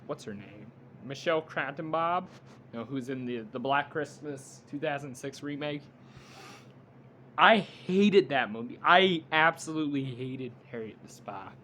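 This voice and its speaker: A man giving an unscripted movie review rant, halting and blunt, with frequent restarts. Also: a little high, fairly bright tone, slight background noise.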